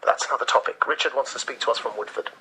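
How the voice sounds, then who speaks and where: A man hosts a radio call-in show, speaking firmly and breaking in again and again to hold the topic. His voice is very bright and edgy, with a husky grain. It comes through as a radio broadcast. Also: mid-range voice, very fast, low-quality recording. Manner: firm, repeatedly interrupting to keep order. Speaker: radio host. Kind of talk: radio phone-in.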